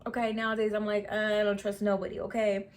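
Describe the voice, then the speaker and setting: Quick and monotone, this mid-range female voice belongs to a beauty vlogger in her 20s. She tells a casual storytime in a chatty, sassy, slang-filled way, repeatedly using "sis" and "okay."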